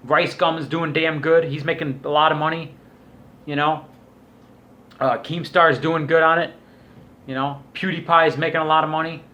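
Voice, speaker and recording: A man's voice: on the high side, little pitch movement, moderate pace, long pauses, bright, forceful tone. Crude, scornful man rambling in a vlog. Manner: crude, profanity-laden, scornful. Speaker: YouTube vlogger. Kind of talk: casual rambling commentary rant.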